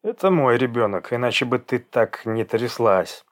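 A man's voice: medium pitch, expressive, moderate pace, lightly acted. A man voicing an arrogant, domineering man in an audiobook, cold and commanding. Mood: harsh commanding.

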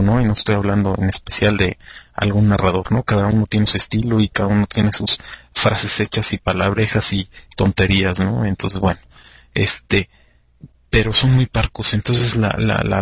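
Gravelly, husky Mexican radio host. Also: male voice, on the low side, a bit bright, no echo. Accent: Mexican Spanish. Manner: rambling and chatty, many fillers and restarts. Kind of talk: casual radio monologue.

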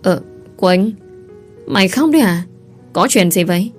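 A woman's voice: medium pitch, expressive, a little slow, darkish tone, soft background music. Woman reading as an anxious young friend. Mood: worried. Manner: urgent, stammering questions.

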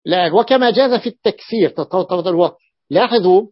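A sheikh teaches a class, his fairly high voice husky and a little breathy. He goes slowly through each example, repeating it and asking if his students follow. The recording is dry and dull, like a lo-fi classroom tape. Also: no echo. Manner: patient, repeats and counts out examples, checks understanding. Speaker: sheikh teaching Arabic morphology. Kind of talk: classroom lecture.

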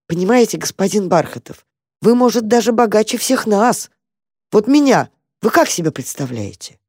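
A reader voicing a timid, kind little boy mouse who talks eagerly and gently in a storybook reading. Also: medium pitch, sing-song, moderate pace, breathy edge, no room sound, studio quality, pitched above the performer's own voice. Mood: earnest.

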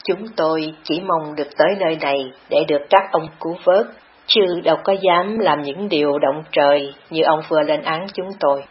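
A humble young refugee man, as a woman narrator acts him out in an audiobook, his voice lowered and quiet. He speaks softly, in a pleading way. The recording is dull and lo-fi. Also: normal speed, hardly any pauses, lightly acted. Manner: soft, pleading.

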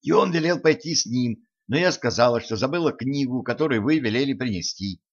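A man's voice: medium pitch, animated, a little fast, lo-fi sound. Man voicing an eager, chattering young woman. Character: lively, quick-witted young woman, playful.

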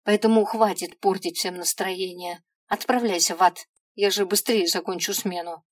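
A woman's voice: medium pitch, steady tone, moderate pace, dry recording, close to an everyday voice. A woman voicing a bored, irritable male imp who judges the dead, talking in a weary, dismissive way in a storybook reading. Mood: weary irritated.

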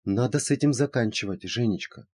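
A man voicing a brisk, skeptical female friend who teases and lectures. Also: mid-range voice, a little mellow, husky, no room sound, voice pushed up, lightly acted. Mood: teasing.

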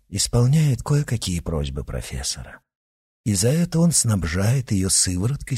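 A cold, mocking henchman speaks low and curt, every line clipped and quietly threatening, as a man reads him. The voice has a husky grain. It is an audiobook figure who never raises his voice. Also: heavily acted. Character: cold menacing male henchman in shadows.

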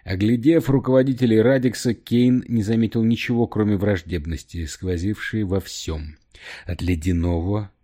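Low dark-voiced male audiobook narrator. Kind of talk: scripted narration.

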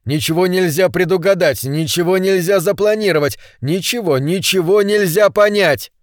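A man's voice: high-pitched, normal speed, no room sound, studio quality, pitched above the performer's own voice, lightly acted. A man voicing a frightened, agitated man who speaks urgently. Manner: tense, urgent.

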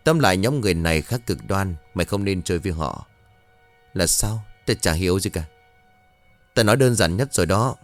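A man's voice: deep voice, lively intonation, brisk, no room sound, faint music behind. A man voicing a cool-headed psychiatrist who explains things bluntly and offhandedly. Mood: clinical.

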